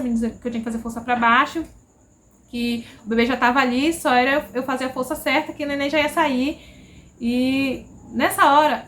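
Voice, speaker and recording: A woman's voice: high-pitched, slight background noise. A Brazilian woman vlogger casually telling a personal story, chatty and repetitive, often checking in with "entendeu?". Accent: Brazilian Portuguese. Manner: chatty, repeats herself, frequent "entendeu?".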